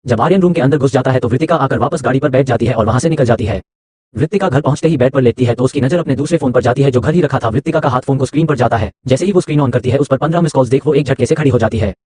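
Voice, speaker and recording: Rapid-fire male storybook narrator. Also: medium pitch, slightly rough, no echo. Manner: rapid, even reading. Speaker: audiobook narrator.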